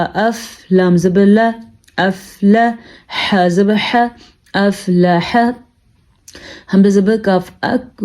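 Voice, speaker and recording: A woman with a mellow, warm voice teaches Quran reading in a calm, instructive tone. She explains the rules at a brisk pace, then spells out syllables slowly and carefully. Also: mid-range voice. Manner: calm instructive tone, addresses listeners as "janab". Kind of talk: tajweed lesson, spelling out syllables.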